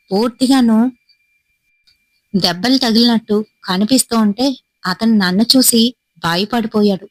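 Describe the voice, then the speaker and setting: A woman's voice: mid-range voice, no room sound, rough recording. A woman with a Telugu accent telling a first-person horror story, dramatic and frightened in tone. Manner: dramatic, frightened retelling with tense dialogue bursts.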